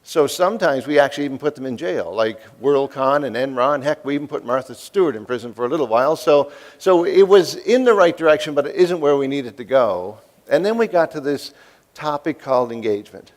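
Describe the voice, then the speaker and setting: A man's voice: medium pitch, brisk. A man in his fifties, from the East Coast, giving a folksy, joking keynote speech and asking the audience questions. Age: 50s. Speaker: keynote speaker.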